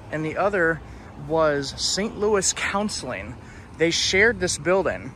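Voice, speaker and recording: A man with a fairly high, somewhat bright voice, an urban exploration vlogger giving offhand commentary as he walks around the outside of a building. His humor is dry and self-deprecating, and the outdoor recording picks up passing cars and city ambience.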